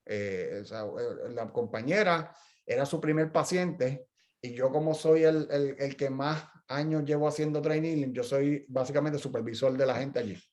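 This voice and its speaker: A middle-aged man with a mid-range, darkish voice talks at normal speed during a relaxed journal club discussion. He works as a physical therapist and spins stories in a chatty way, restarting his explanations again and again.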